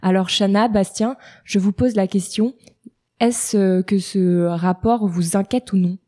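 A woman's voice: mid-range voice, steady tone, unhurried, mellow. A woman hosting a radio talk show, reading a scripted segment and then chatting with her guests. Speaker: radio host.

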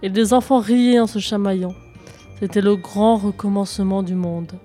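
Mellow woman reading a folk tale. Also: medium pitch, normal speed, soft background music. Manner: steady, expressive storytelling. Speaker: storyteller.

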